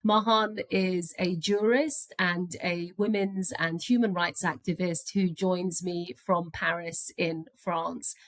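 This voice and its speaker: Low-voiced polite woman podcast host. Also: fairly even intonation, slow pace, few pauses, a bit bright, dry recording. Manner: polite, formal. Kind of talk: hosted interview podcast.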